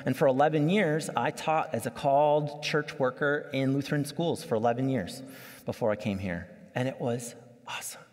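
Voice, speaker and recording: A man in his thirties preaching a sermon from a church sanctuary, conversational and animated, acting out little scenes as he walks the stage. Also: mid-range voice, moderate pace. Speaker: pastor. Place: church sanctuary, large room. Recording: long church hall reverb.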